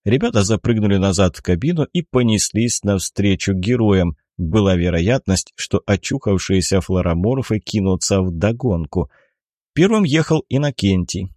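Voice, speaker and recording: A man reading an adventure audiobook in an even storytelling manner. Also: lowish voice, moderate pace, dry recording, clean studio sound. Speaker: audiobook narrator. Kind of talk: scripted narration.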